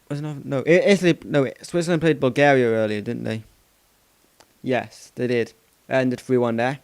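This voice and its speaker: Hosting a football channel, this man gives an easygoing results recap full of "of course"s and frequent self-corrections. His voice is medium in pitch, slightly mellow and clean, recorded without echo, and his delivery wanders.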